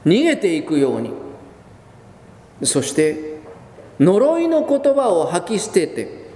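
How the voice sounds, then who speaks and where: Animated male pastor in an echoing hall. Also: sits high, slow. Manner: animated storytelling, acts out quoted speech. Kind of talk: sermon. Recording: echoey hall with long reverb.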